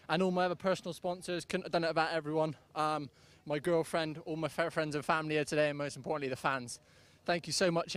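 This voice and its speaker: A man's voice: a little high, a bit bright. A man speaking as a racer in a casual post-race interview, outdoors at a race track. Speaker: champion motocross racer being interviewed.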